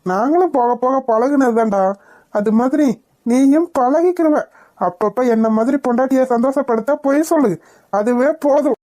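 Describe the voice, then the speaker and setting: A woman's voice: high-pitched, moderate pace, mellow, lightly acted. A woman voicing a bossy, joking older brother in a cartoon, lecturing his younger brother about marriage. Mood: teasing. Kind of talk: cartoon voice acting.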